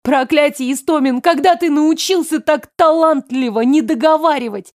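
A woman's voice: a little high, moderate pace, no room sound, studio quality, natural voice. A woman voicing a fierce, stubborn young heroine who speaks with emphatic force. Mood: angry. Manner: shouting, emphatic.

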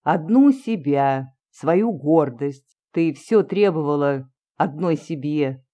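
Audiobook: reader doing a pious, tearful old woman, imploring, mellow warm tone. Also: medium pitch, expressive, takes it slowly. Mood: reproachful. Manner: earnest, imploring. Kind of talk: audiobook reading.

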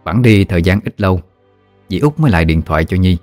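A man narrating a ghost story in a steady, vivid way. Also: low-pitched, fast talker, no echo. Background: faint music.

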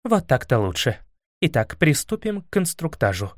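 A shrewd, stern princess from a storybook, calm and commanding as she lectures the hero, as a male narrator puts her on. Her voice sits fairly high and swings about, and the read is dry and close. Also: moderate pace, dry recording. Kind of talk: audiobook character voice.

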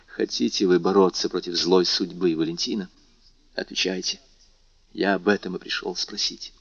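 A determined young man in love, earnest and intense, voiced by the reader in a low voice. The lines come urgent and steady. The sound is dull and dry, a studio audiobook. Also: normal speed, creaky, slightly rough, dry recording, full character voice.

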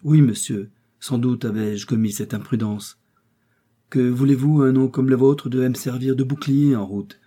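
Man doing a hot-blooded young Gascon, passionate and emphatic, dark husky voice, audiobook. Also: mid-range voice, normal speed, natural voice. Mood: eager. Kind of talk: audiobook character voice.

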